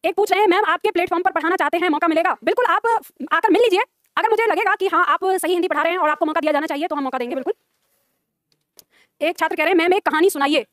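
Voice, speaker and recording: Fast, high-voiced woman teacher. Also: fairly bright tone, no room sound, studio quality. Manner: chatty, laughing, addresses students directly. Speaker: Hindi teacher. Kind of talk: live classroom lesson chat. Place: classroom with students.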